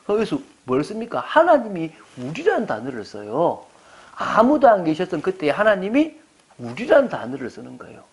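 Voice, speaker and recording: Lively pastor preaching, full of questions. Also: male voice, high voice, normal speed, husky. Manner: asks the congregation many rhetorical questions; conversational, explanatory preaching. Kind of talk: sermon. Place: church service.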